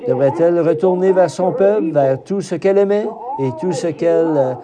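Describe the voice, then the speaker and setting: High-voiced man preaching a sermon. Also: normal speed. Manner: emphatic preaching, rising to cries on key phrases. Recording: crowd audible behind.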